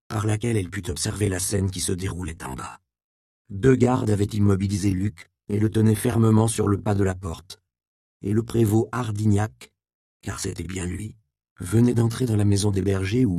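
A man narrating a storybook in a measured, expressive reading. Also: on the low side, vocal fry, dry recording, clean studio sound.

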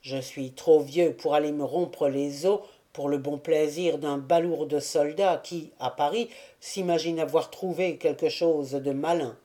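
A woman reading the part of a surly, brooding old male buccaneer gunner, voiced lower and grumbling. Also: fairly even intonation, measured pace, few pauses, dark tone. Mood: gruff.

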